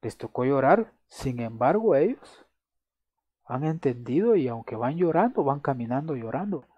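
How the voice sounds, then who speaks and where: A man preaching a sermon, slow and emphatic, repeating his phrases before he closes in prayer. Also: mid-range voice, very animated, slightly rough, dry recording, lo-fi sound. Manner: prays aloud to close.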